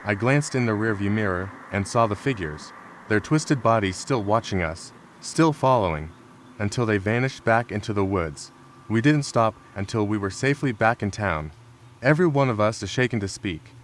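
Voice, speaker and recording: A man with a fairly low voice reads a scary story in a measured, unhurried way. His delivery is calm and scripted, and faint rain patters behind him. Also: slight background noise. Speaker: horror story narrator. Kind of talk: scripted narration. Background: rain sounds.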